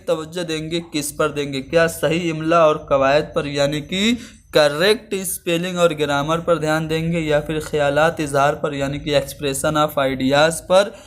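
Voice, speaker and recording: Man, teacher, slightly high voice, patient step-by-step explaining. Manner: explains each term again in simple words, slows down for example sentences. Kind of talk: exam-prep lesson.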